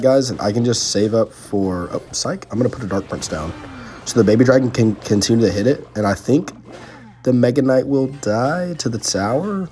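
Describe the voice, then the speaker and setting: A young man giving casual, excitable live commentary on his own gameplay, talking slangily to his viewers. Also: lowish voice, slight background noise. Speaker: gaming channel host. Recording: faint music underneath.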